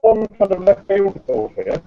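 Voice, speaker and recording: A man's voice: sits high, big pitch swings, unhurried, muffled recording, soft background music. A man joining a technical meeting remotely, his call audio glitching and breaking up as he talks. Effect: choppy, breaking-up video call audio. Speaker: remote participant in a developer meeting. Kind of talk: technical discussion. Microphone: video call.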